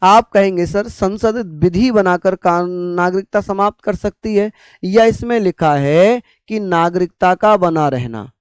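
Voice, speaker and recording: Man lecturing students, high smooth voice. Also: a little slow, dry recording. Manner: calls students brother and sister, repeats points, asks "clear?". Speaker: teacher. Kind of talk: online exam-prep lecture.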